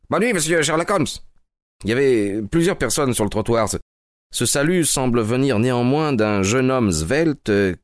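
A man giving expressive scripted narration of a story. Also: on the low side, dry recording, studio quality.

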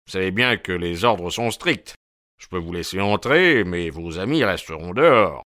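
A man voicing a gruff, suspicious male porter who is a former boxer, talking bluntly in plain colloquial speech. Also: low-pitched, expressive, normal speed, fairly bright tone, dry recording, clean studio sound. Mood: stubborn. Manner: blunt, colloquial, dropping negations.

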